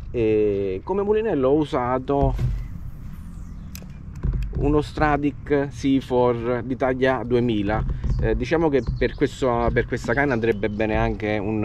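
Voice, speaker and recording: A man's voice: fairly low pitch, background noise. A man in his forties, from Italy, explaining his fishing gear from a kayak on a lake, talking casually with frequent fillers, recorded on an action camera. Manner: relaxed, hesitant with fillers while explaining gear. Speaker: fishing vlogger. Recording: music playing underneath.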